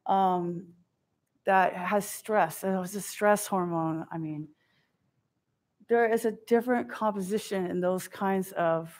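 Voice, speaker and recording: Animated woman telling a personal story. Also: mid-range voice. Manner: animated storyteller, acts out quotes. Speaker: keynote speaker. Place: stage before an audience.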